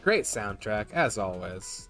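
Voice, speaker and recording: A man's voice: lowish voice, big pitch swings, slow pace, fairly bright tone. Casual male game streamer over music. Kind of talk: casual playthrough commentary, reading game text aloud.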